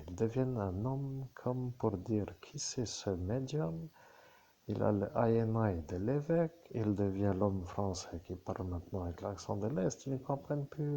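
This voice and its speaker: A man speaking as a medium in a channeled spiritual talk, with slow, halting and repetitive phrasing. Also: on the low side, dark tone, slight background noise. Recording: dull lo-fi recording.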